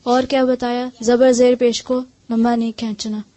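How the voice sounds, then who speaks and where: A woman's voice: a little high, level tone, warm tone, no room sound. A woman teaching Quran recitation in a patient lesson. She demonstrates sounds one at a time and often checks in with short questions. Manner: models sounds slowly. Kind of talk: tajweed lesson for women.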